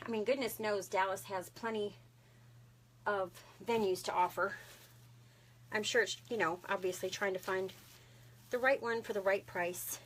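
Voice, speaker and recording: A woman's voice: mid-range voice, steady tone, normal speed, long pauses, fairly bright tone. Bubbly Texan woman chatting on a craft livestream. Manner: chatty and bubbly, saying y'all often and laughing a lot. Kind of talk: casual live-stream chat with viewers. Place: home craft room.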